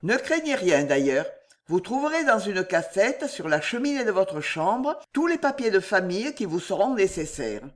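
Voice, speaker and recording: A reader voicing a scheming, powerful male general in an audiobook, speaking in a measured, commanding way. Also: medium pitch, very animated, lightly acted. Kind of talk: audiobook reading.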